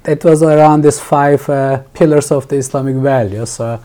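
A man from Turkey with a Turkish accent, speaking English as a podcast guest in a relaxed, thoughtful way, often restarting his sentences. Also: medium pitch, moderate pace. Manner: thoughtful, many restarts and fillers. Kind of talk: casual interview chat.

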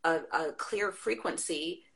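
A woman's voice: deep voice, measured pace. A woman talking passionately in a casual conversation, telling stories and laughing as she makes her point. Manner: passionate, animated storytelling with laughs. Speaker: guest.

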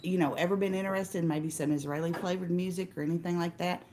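A woman's voice: lowish voice, steady tone, fast, warm tone, a little hiss or hum. A woman co-hosting a church gathering, making announcements in a casual, conversational way. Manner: informal, conversational. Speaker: church co-host.

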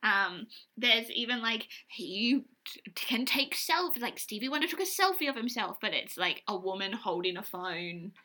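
A chatty woman co-hosting a casual podcast, rambling from point to point. Her voice is very bright and tense, and her pitch swings widely. She sits a little high for a woman. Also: sing-song, moderate pace. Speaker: podcast co-host. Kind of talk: casual chat.

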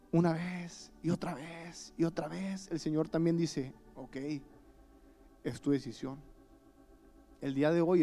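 Preacher, male, high-pitched, warm mellow tone, impassioned sermon delivery. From Mexico. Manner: impassioned, shifts between loud emphasis and hushed asides. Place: church.

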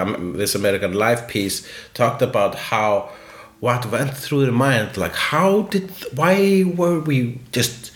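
A man's voice: medium pitch, reverberant. A man co-hosting a casual podcast chat, talking in a rambling way, often trailing off and restarting. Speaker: podcast co-host.

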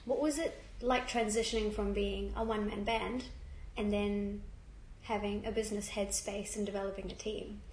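A woman's voice: medium pitch, fairly even intonation, normal speed, hardly any pauses, a little mellow, echoey room, a little hiss or hum, low-quality recording. A woman speaking as a podcast host and interviewer. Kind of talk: scripted podcast introduction, then casual interview.

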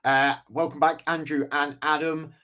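A man hosting a casual podcast, hoarse and tired, rambling with frequent restarts. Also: a little high, little pitch movement, normal speed, bright, forceful tone. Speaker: podcast host. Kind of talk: casual chat.

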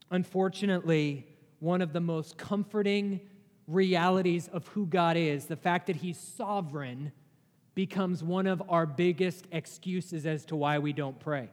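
A male pastor preaching a sermon, earnest, with rhetorical questions and emphatic rises in his delivery. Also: on the high side. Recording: long hall reverb.

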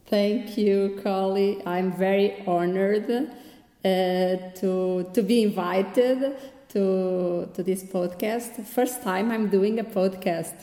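A woman with a Portuguese accent giving halting, conversational interview answers as she searches for words. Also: mid-range voice, fairly even intonation, mellow. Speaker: podcast guest, winemaker. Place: echoey room. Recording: echoey, reverberant room.

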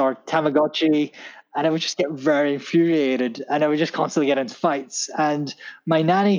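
A man's voice: medium pitch, lo-fi sound. A man in his thirties, a founder guest telling stories in a casual interview, rambling with many fillers and restarts. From Scotland. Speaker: podcast guest, tech founder.

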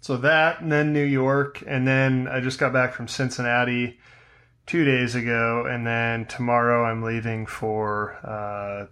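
A man's voice: medium pitch, little pitch movement, unhurried, fairly bright tone. A man co-hosting a podcast, sounding stressed and scattered, with many restarts. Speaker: podcast co-host. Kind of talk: casual podcast chat.

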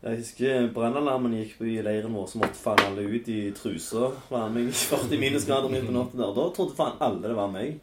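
A man's voice: mid-range voice, few pauses. A man casually telling crude anecdotes on a podcast, swearing freely and animatedly as he goes. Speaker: podcast host. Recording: echoey room with faint noise.

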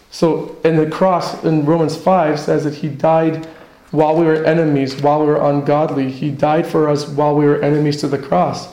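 A man's voice: a little high, a little mellow. A man preaching a sermon in an earnest, conversational way, into a handheld microphone. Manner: earnest, conversational teaching with personal stories. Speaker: pastor. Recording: echoey hall.

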